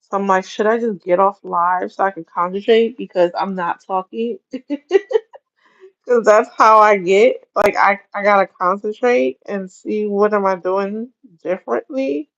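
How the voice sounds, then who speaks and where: A woman's voice: mid-range voice, fairly even intonation, moderate pace, lo-fi sound. A woman chatting casually on a livestream, rambling and often laughing as she talks. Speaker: livestream host.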